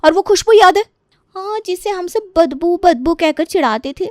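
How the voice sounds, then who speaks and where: A woman's voice: very high-pitched, lively intonation, normal speed, a little mellow, dry recording, clean studio sound, voice pushed up. A woman voicing a stubborn, chatty young woman in a cartoon story. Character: stubborn young woman, picky about in-laws.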